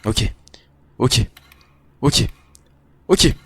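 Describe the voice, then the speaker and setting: Panicky, lively young-sounding male gamer. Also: medium pitch, extremely slow, vocal fry, husky, dry recording. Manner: panicky, excitable, talks to viewers. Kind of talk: horror game let's play commentary.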